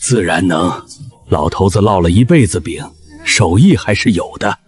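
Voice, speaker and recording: A man voicing a kindly old grandfather who bakes flatbread, in plain, homely speech. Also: low voice, moderate pace. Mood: fond.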